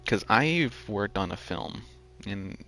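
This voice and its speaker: A man's voice: lowish voice, animated, takes it slowly, sharp tone. A young man giving casual commentary on a game playthrough, musing and often restarting his sentences. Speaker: gamer comparing game and show.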